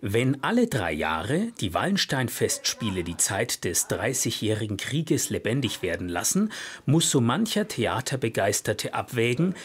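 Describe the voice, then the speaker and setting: A man's voice: medium pitch, very animated, unhurried, breathy edge. A man reading scripted narration for a television report as a voice-over.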